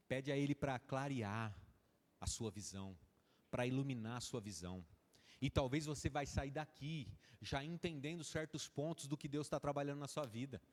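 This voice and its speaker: A Brazilian man preaching a sermon in a folksy way, acting out little dialogues between a father and his children. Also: medium pitch. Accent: Brazilian Portuguese. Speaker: pastor. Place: church. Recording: church hall reverb.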